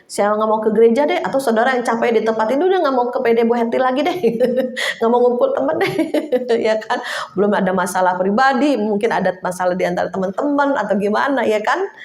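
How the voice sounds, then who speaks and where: A woman's voice: on the high side, expressive, fast talker. A woman preaching a sermon at a prayer fellowship in a chatty, informal way, often stopping to hunt for words and calling her listeners brothers and sisters. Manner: conversational, addresses listeners as brothers and sisters, many fillers. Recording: roomy echo.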